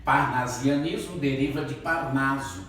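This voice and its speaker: A man's voice: medium pitch, measured pace, a bit bright, slight background noise. A male literature teacher giving a classroom lecture, asking the class questions and then answering them himself, and calling his students "my children". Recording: very echoey room, voice from far off.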